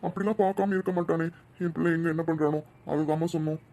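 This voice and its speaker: A weary old grandfather in a cartoon drama, voiced by a man speaks in a flat, quick, raised voice. He sounds soothing and mournful. Faint hiss sits under the track. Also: a little high, lightly acted. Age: older.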